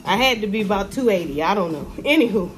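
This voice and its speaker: A middle-aged woman ranting to a phone camera in a casual vlog, animated and sassy, with sudden high exclamations. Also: quick pace, soft background music. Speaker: vlogger. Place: room with ceiling lights, indoors. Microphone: phone camera held below face.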